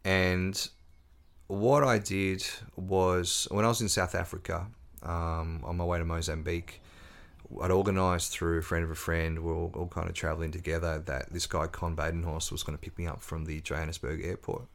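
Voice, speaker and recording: An author appears as a podcast guest in a casual interview chat, his voice sitting low with vocal fry at a normal speed. He tells stories in a relaxed way, with lots of ums and restarts.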